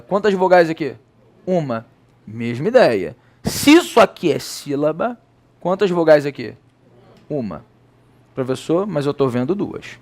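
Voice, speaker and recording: A Brazilian man teaching a Portuguese grammar lesson, lively, asking rhetorical questions and answering them himself. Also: fairly high pitch. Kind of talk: recorded classroom lecture.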